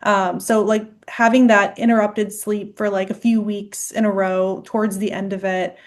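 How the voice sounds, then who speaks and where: A woman's voice: mid-range voice, flat delivery, moderate pace. Chatty young woman, lots of "like". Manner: chatty, reflective, heavy use of "like". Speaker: guest client, first-time competitor. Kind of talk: casual podcast interview.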